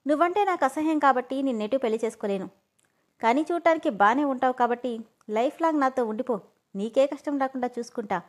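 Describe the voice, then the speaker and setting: A woman's voice: sits high, quick pace, lightly acted. A woman voicing an arrogant, cruel young man who talks with scorn. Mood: scornful. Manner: mocking, scornful.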